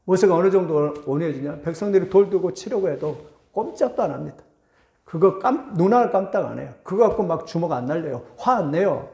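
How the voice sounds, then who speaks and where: A middle-aged male pastor preaching with a high voice that carries through an echoey church hall. He builds to sudden rising bursts and slows down for scripture, speaking to a congregation. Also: expressive, gravelly, warm tone. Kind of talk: sermon.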